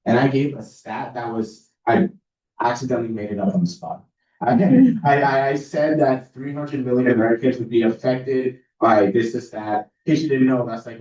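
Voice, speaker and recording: This young adult addresses a student club on public speaking in a relaxed, confident way, dropping his pitch to project authority. He was recorded from far across a reverberant meeting room, and the audio sounds somewhat dull and roomy.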